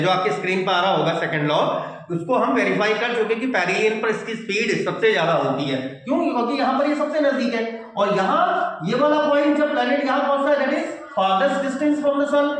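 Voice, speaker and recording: High-voiced man teaching in an echoey room. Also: fairly bright tone. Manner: explanatory, repeats phrases, checks understanding; mixes English terms into Hindi. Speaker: physics teacher. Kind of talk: whiteboard lecture.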